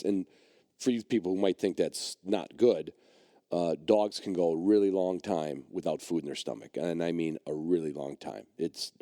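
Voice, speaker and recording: Man, middle-aged, low voice, dry sound, rambling storyteller, podcast host. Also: dark tone, no room sound. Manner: rambling, heavy on fillers and restarts. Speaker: podcast host and dog trainer.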